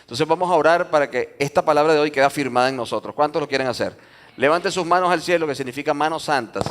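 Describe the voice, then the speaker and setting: A man's voice: fairly high pitch, quick pace, fairly bright tone, slight background noise. A man, a pastor preaching a sermon in church, joking with and teasing his congregation. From Venezuela.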